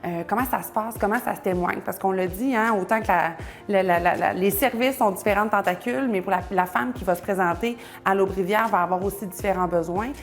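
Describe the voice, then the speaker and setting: Woman host, chatty, playful, mid-pitched, faint music. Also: brisk. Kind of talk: interview questions.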